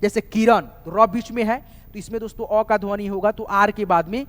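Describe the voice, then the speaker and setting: In an echoey room, a high-pitched English teacher speaks a bit fast with fairly even intonation and a fairly bright tone. His lesson on writing names involves spelling words out letter by letter, frequent checks with students, and constant use of "doston" and "theek hai."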